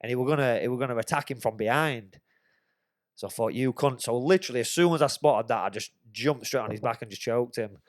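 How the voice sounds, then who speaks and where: It's a podcast host's casual storytelling session: his medium-pitched voice runs fast, and he swears liberally as he animatedly recounts the tale. Studio-quality audio, no echo.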